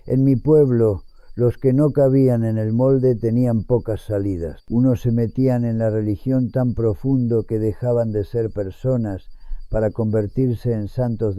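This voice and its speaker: An elderly man around a hundred years old narrates a scripted, reflective story in a solemn, measured manner. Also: mid-range voice, dark tone, dry recording. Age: 100. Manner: solemn, measured, literary phrasing.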